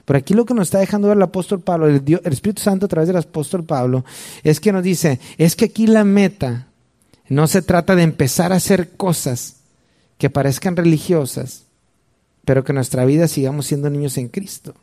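A man's voice: fairly high pitch, fairly quick, dark tone. A man in his forties with a Mexican accent, preaching a sermon in a conversational way and speaking straight to his listeners. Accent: Mexican Spanish. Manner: conversational, addresses listener directly. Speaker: pastor.

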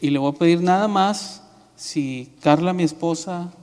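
A man's voice: on the high side, a little slow, a little mellow, smooth. A man preaching a sermon as pastor, telling a story with many fillers and restarts. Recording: long reverb in a hall.

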